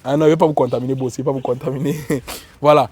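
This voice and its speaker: Speaking at a racing clip, a man with a Cameroonian accent runs his online show casually, repeating himself while greeting viewers and guests. He has a cold. His medium-pitched voice holds a steady tone that is darkish with a breathy edge.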